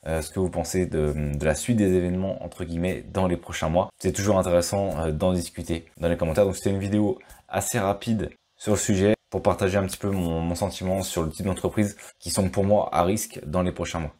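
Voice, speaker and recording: A man's voice: low voice, steady tone, fairly quick, few pauses, dark tone. A man with a French accent explaining stock market risks to his viewers in a casual way, with many fillers and restarts. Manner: thinks aloud with frequent fillers and restarts.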